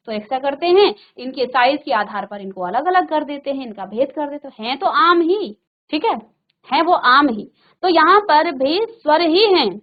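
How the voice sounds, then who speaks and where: A woman's voice: sits high, highs cut off. A woman teacher giving a classroom lecture, explaining patiently and repeating her points with simple examples. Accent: Hindi speaker from North India. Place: virtual classroom studio.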